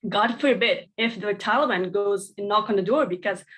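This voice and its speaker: A woman's voice: medium pitch, normal speed, a bit bright, poor audio. A young woman from Afghanistan sharing a heartfelt personal testimony on a video call. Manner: conversational and heartfelt. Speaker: speaker at a community briefing.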